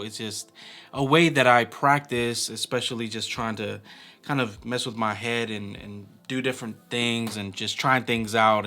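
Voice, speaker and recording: A man with a bright, forceful voice walks through a drum pattern one stroke at a time. He talks in a relaxed, casual way with fillers and restarts, at a middle pitch. Faint drumming sits behind him. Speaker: percussion teacher. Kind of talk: casual instructional explanation.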